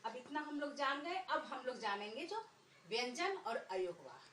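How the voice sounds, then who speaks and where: A high-pitched woman teaches schoolchildren a lesson, speaking slowly and patiently and stretching out the vowel sounds she demonstrates. She sits a little back from the microphone, so her voice carries the echo of the room. A faint room hum lingers behind her. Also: very animated, fairly bright tone, recorded from a distance. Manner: slow, patient, repeats points and drawn-out vowel sounds. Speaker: Hindi teacher. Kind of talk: online Hindi lesson for children. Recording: echoey room, voice a bit off-mic.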